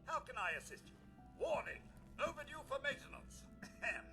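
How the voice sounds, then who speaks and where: A polite, faltering old rusty robot butler with a British accent, pitched very high and swooping widely. The delivery is fussy and theatrical with a metallic robot filter, over loud game music. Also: male voice, sing-song, brisk, full character voice. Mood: apologetic, glitchy.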